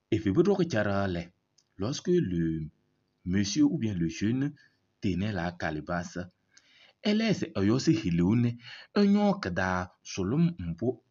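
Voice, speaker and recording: A man teaching a language through a read story, explaining each word slowly and checking that listeners follow. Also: low voice, darkish tone. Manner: slow, repeats words, asks "c'est bon?". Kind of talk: reading lesson, explaining a story. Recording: dull lo-fi recording.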